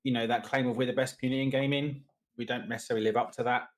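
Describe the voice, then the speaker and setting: A man's voice: mid-range voice, fairly even intonation, rapid-fire, slight background noise, poor audio. A man co-hosting a casual podcast, laid-back and blunt, swearing now and then. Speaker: podcast co-host. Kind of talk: casual chat about a card game community.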